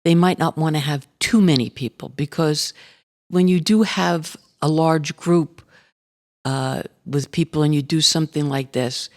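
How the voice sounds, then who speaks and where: A woman's voice: sits low, unhurried, darkish tone. A woman artist in a panel chat, speaking in an encouraging way about working together. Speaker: artist guest. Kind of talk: conversational panel talk.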